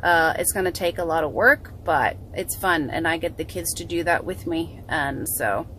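A woman's voice: sits low, normal speed, a bit bright, slight background noise, low-quality recording. A woman in her thirties with a chatty, restarting manner, giving a casual vlog update into a phone camera in a parked car. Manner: chatty, frequent restarts and fillers. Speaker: vlogger. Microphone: phone camera held close.

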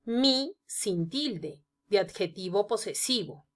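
A woman narrating a scripted grammar lesson, explaining each example slowly and deliberately. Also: medium pitch, lively intonation. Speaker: teacher.

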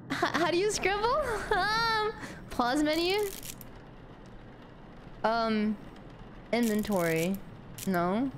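A young woman streaming a game, chatting to her viewers, giggling and filling pauses with "um". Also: high-pitched, noisy background. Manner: talks to chat, animated, giggly, mumbles "um" often. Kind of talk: casual gameplay commentary.

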